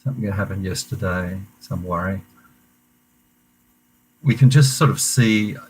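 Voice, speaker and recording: Male meditation teacher, deep voice, hesitant and soft-spoken, streaming his class. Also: a little hiss or hum, low-quality recording. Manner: halting, many fillers and restarts, gentle. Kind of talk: online meditation class introduction. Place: room at a meditation centre.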